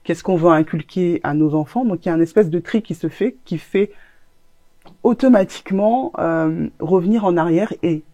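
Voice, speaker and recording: A woman's voice: lowish voice, normal speed, mellow, no echo. A woman who grew up in Congo, co-founder of a brand, answering interview questions in a reflective, earnest way. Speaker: co-founder of a natural products brand.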